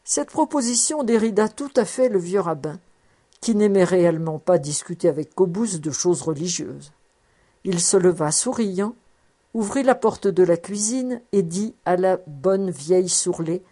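A woman reading a novel aloud in a calm, measured way. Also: on the low side. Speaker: reader.

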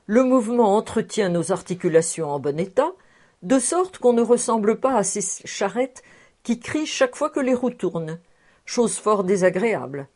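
A woman's voice: medium pitch, animated, moderate pace, darkish tone, natural voice. A woman reading the part of a jovial, talkative man in a storybook, expanding on his point at length. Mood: explaining. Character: jovial, talkative middle-aged man at table.

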